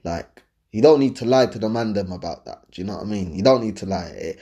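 Fast and expressive, his fairly low, dark male voice carries a London accent as he hosts dating and lifestyle advice. He talks casually to viewers in slang, airing opinions and often checking they're with him.

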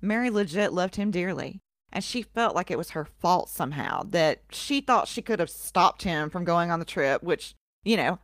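A woman's voice: lowish voice, dry recording, clean studio sound. A woman co-hosting a podcast, telling a history story in a casual, profane way and laughing often. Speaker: podcast co-host.

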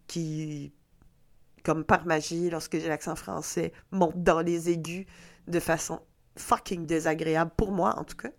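A woman's voice: fairly low pitch, vocal fry. A middle-aged woman from Quebec with a Québécois accent, hosting a podcast in a chatty, self-mocking monologue that is sprinkled with swearing. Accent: Québécois French. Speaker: podcast host. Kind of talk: casual monologue.

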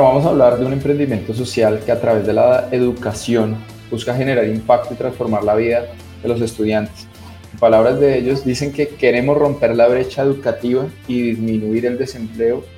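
A Colombian man hosts a radio interview in a relaxed, conversational way. His voice is dark and mellow. The room echoes around him, with faint music behind. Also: medium pitch. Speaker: radio show host.

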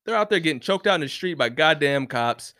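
A man's voice: on the high side, animated, fairly quick, bright, forceful tone, dry recording, studio quality. A man ranting casually, rambling with many restarts and fillers and swearing freely. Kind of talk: casual rant to camera. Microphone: close mic, bumped once.

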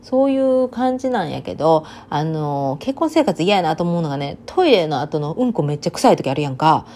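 A woman with a Kansai Banshu dialect accent, chatting through a casual solo monologue with lively storytelling and sudden dialect outbursts. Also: medium pitch. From Kansai region of Japan. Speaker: vlogger.

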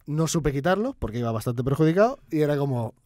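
A man's voice: on the high side, sing-song, quick pace, a little mellow, no echo, studio quality. A man from Catalonia, a podcast guest, telling a long anecdote in casual chat, full of fillers and laughs.

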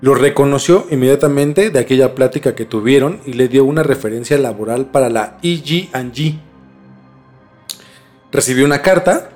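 A man with a mid-range, slightly mellow voice and a Mexican accent hosts a podcast. He combines scripted narration with slangy conversational storytelling against a musical background.

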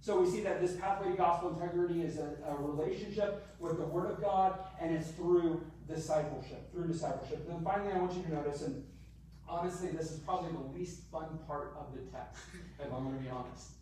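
A man's voice: on the high side, brisk, a little mellow, a little hiss or hum. A male pastor delivering a chatty sermon, repeating phrases for emphasis and joking about himself. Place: church sanctuary. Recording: very echoey room from far off, faint ambience.

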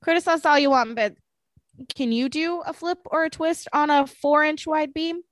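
A woman's voice: sits high, fairly even intonation, normal speed, dry recording. A woman co-hosting a podcast in casual chat, emphatic and feisty, often giggling. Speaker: podcast co-host.

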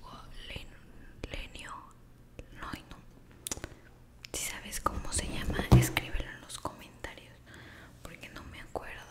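A woman whispering ASMR talk straight to the listener, soft and affectionate, repeating words slowly. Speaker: ASMR creator. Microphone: close sensitive microphone.

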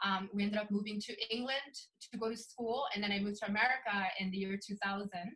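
A woman's voice: medium pitch, fairly even intonation, quick pace, bright, forceful tone, rough recording. A woman from Sweden, a guest on a podcast, talking in an upbeat, cheerful way. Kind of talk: casual interview.

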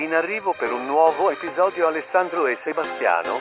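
A man reading a scripted podcast outro as a train station announcement, in a flat, formal way. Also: fairly high pitch, a little fast. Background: loud music.

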